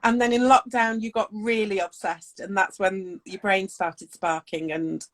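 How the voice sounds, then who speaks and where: A chatty woman hosts a casual online interview over a video call. She giggles and fills her talk with "um" and "so". Her voice has an ordinary pitch for a woman. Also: steady tone, unhurried. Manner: chatty, giggly, with many fillers. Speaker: host.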